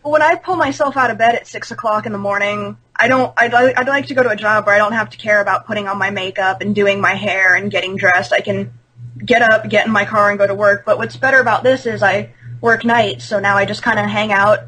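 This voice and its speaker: Bright-voiced young woman, laughs often. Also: mid-range voice, fairly quick, breathy edge, poor audio. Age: 20s. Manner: laughs often, relaxed and candid. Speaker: guest. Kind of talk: casual podcast chat. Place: at home on a call. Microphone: video call.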